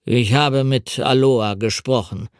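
A man's voice: mid-range voice, takes it slowly, clean tone, dry recording, studio quality, natural voice. A man reading the part of a stiff, reserved senior official.

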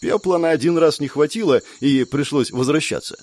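A man narrating an audiobook in expressive storytelling style. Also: on the high side, brisk.

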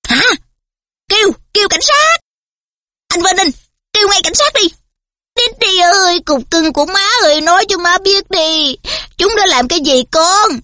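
A woman voicing a shrill, fussing middle-aged mother who dotes on her son, in a storybook reading. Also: animated, normal speed, long pauses, sharp tone, no echo, heavily acted. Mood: frantic. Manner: shrieking, trembling.

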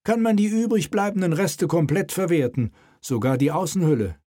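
A man's voice: a little high, lively intonation, moderate pace, dark tone, voice pushed up. A male reader voicing a smug, self-satisfied dike inspector who explains things at leisure.

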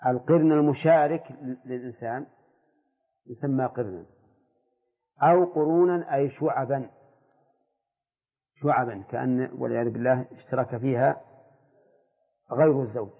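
An older man, a sheikh teaching a jurisprudence class, who explains slowly and keeps putting questions to his students. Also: mid-range voice, slightly rough. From Saudi Arabia. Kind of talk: classroom lecture on fiqh. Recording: tinny, echoey old lecture tape.

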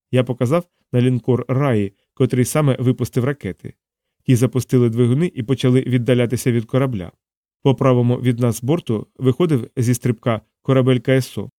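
Man, audiobook narration, mellow dark voice, dry close sound, steady measured reading. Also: medium pitch, no room sound.

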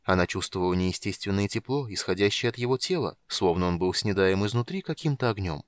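A man narrating a fantasy audiobook in a steady, measured storytelling voice. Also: lowish voice, no echo, clean studio sound.

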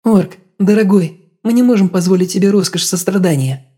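A woman voicing a cold, elegant countess in an audiobook, soft but demanding, with icy politeness. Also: medium pitch, moderate pace, natural voice. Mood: soft commanding. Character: cold elegant female countess, calm torturer. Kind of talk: audiobook character voice.

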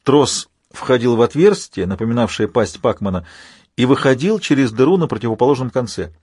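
A man narrating an audiobook in an even, measured reading. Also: mid-range voice, slightly rough, dry recording, studio quality. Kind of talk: scripted narration.

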